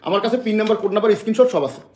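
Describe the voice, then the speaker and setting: A man's voice: sits high, racing, darkish tone, roomy sound, slight background noise. A man from Bangladesh making an emotional public statement to the press, agitated and repeating phrases over and over.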